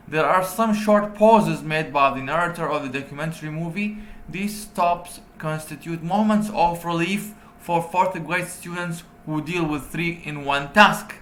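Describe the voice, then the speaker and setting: A man's voice: on the high side, bright, forceful tone. Male lecturer in an echoey room. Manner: explains in Arabic, reads English points slowly, poses rhetorical questions. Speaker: university translation lecturer. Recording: roomy echo.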